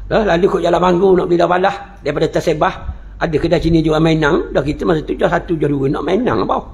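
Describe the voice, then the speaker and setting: A man's voice: fairly high pitch, quick pace, creaky. A man with a Terengganu Malay accent, a religious teacher giving a humorous lecture, joking and telling stories in dialect between points of teaching. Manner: joking, storytelling, playful dialect asides.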